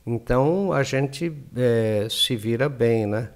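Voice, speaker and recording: Brazilian guy w a gravelly voice, rambles on as a podcast guest, tag questions everywhere. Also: mid-range voice, takes it slowly. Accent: Brazilian Portuguese. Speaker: guest, anthropologist and speaker. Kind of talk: casual interview chat.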